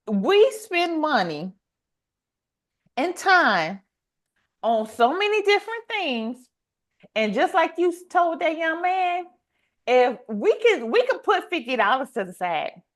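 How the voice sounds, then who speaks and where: This high-voiced woman hosts a podcast in a casual, motivational, animated style. She repeats key phrases for emphasis and dramatizes little quotes.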